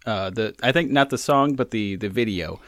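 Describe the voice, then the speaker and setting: A man's voice: on the low side, moderate pace, no echo. A man co-hosting a casual food-tasting show, chatting about the taste and sharing trivia between bites. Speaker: co-host.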